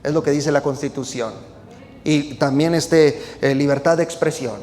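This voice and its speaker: A man's voice: on the high side, normal speed, darkish tone. A male preacher, talking in an emphatic sermon style full of rhetorical questions and fillers. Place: United States. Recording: long reverb hall sound.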